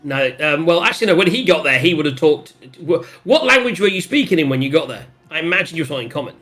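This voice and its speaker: A man's voice: on the high side, animated, fast talker, fairly bright tone, faint music behind. A man casually narrating a tabletop role-playing game as game master.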